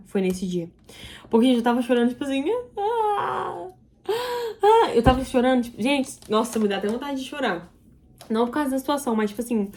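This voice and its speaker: Young female vlogger, slightly high pitch, confessional and emotional, speaking directly to viewers. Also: a little mellow. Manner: emotional, confiding, talks straight to viewers. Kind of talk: confessional storytelling to camera.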